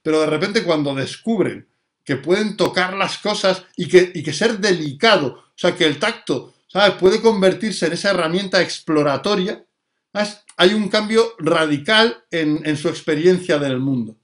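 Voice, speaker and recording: A man's voice: high-pitched, moderate pace, fairly bright tone. A man, a dog trainer explaining things in a live talk and answering viewer questions, often checking in with his listeners.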